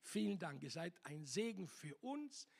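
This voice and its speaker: Guest pastor, man, high gravelly voice, slow emphatic preaching. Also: very animated. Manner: passionate, emphatic preaching with repetitions. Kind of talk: sermon. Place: church hall.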